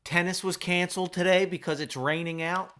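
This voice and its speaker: Chatty, rambling man, slightly high voice. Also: steady tone, a little fast, pushed and bright, clean tone. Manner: rambling, self-interrupting, chatty. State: eating while talking. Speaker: gaming streamer. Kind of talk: casual live-stream chat while playing. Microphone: not using his usual mic.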